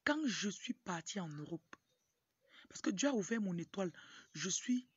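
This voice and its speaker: A medium-pitched, slightly rough voice with lively intonation and a moderate pace carries this informal motivational talk to camera, which often detours into asides. The speaker is a young woman with a Cameroonian French accent, from Cameroon and raised in Tonga, who works as a motivational speaker and livestream host. It's recorded outdoors in a yard on a phone at arm's length, muffled and noisy, with a rooster crowing and background noise.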